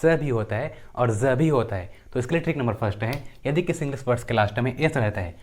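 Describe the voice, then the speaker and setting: Man, young adult, teacher, pronunciation lesson, repetitive drilling, mid pitch. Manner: repeats rules and example words slowly, asks and answers his own questions. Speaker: English teacher.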